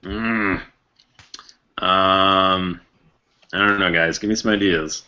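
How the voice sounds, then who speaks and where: A man's voice: deep voice, steady tone, slow, pushed and bright, lo-fi sound. A man talking casually as a player in a live tabletop game. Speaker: player in a live tabletop role-playing show.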